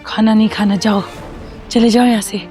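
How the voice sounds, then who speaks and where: A woman's voice: a little high, little pitch movement, normal speed, mellow, faint music behind, natural voice. A woman playing a study-obsessed teenage girl who repeats herself coldly and insistently in an amateur horror drama. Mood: cold, dismissive. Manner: repetitive, insistent, threatening. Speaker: daughter.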